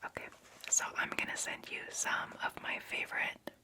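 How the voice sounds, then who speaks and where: This is a twenty-something woman doing a therapist ASMR roleplay, her unhurried whisper calm and comforting. She's right up on an off-camera ASMR microphone inside a snug little room.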